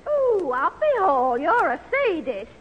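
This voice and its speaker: A woman playing a good-natured, excitable aunt in a 1960s radio comedy, theatrical in manner. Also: extremely high pitch, slow pace, exaggerated voice. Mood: chiding. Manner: theatrical, animated. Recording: dull old radio recording with hiss.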